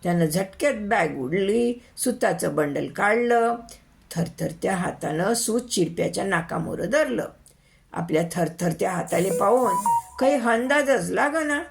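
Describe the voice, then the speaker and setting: A woman storyteller with a Varhadi Marathi accent, telling a village tale in lively rustic dialect. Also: mid-range voice, a little slow, creaky, soft background music. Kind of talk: story reading.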